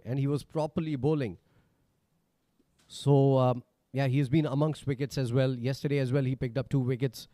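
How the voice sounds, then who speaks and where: Mellow-voiced male cricket commentator. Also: medium pitch, no echo. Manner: chatty analysis with thinking pauses. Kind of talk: live sports commentary.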